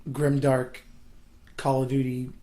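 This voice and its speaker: An eager, talkative young man co-hosting a casual podcast, quick to laugh. His voice sits in an ordinary middle range for a man. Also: mid-range voice, completely flat delivery, heavy background noise. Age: young adult. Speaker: podcast co-host, animator. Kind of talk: casual chat.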